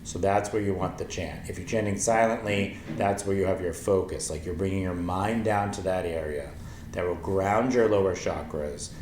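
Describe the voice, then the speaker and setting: A low-voiced man in his forties slowly and gently teaches a calm yoga lesson that includes chanting, pausing often and saying "um" frequently. He's indoors in a small room with a wooden floor and a paper screen, and the recording is echoey with faint ambient noise.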